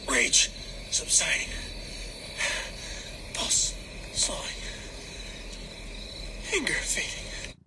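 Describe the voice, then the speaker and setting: A slow, processed robotic voice announcing a podcast segment as a sound drop. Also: medium pitch, wildly swooping pitch, gravelly, noisy background.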